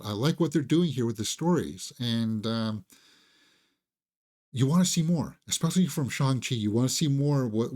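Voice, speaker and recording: In a mid-range voice, a man presents an easygoing, conversational film review. He is eager and opinionated, now and then repeating himself as he works through his thoughts aloud.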